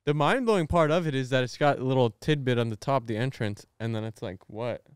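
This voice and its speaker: A man's voice: mid-range voice, quick pace, smooth, dry recording, clean studio sound. Young man with a slushy lisp. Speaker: podcast co-host. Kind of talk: casual joking podcast banter.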